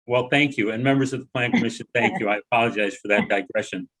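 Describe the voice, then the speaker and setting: A man's voice: medium pitch, fast talker, fairly bright tone, a little hiss or hum, poor audio. A man presenting as attorney for an applicant on a video call, polite, with frequent fillers. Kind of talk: formal presentation.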